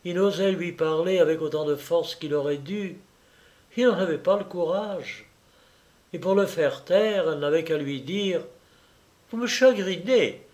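Man narrating a classic novel, measured. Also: fairly high pitch, a little mellow. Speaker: audiobook reader. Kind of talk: scripted literary narration.

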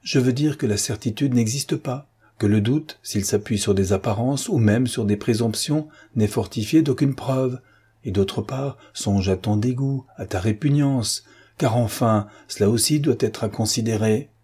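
A man voicing a forceful, commanding gentleman adventurer in an audiobook, speaking insistently and emphatically. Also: mid-range voice, normal speed, slightly rough. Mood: persuasive. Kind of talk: audiobook character reading.

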